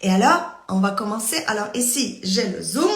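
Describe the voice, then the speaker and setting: A woman's voice: mid-range voice, expressive. Hesitant woman teacher, echoey room. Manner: halting, many fillers and restarts. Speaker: English teacher coaching parents. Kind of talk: live-stream lesson.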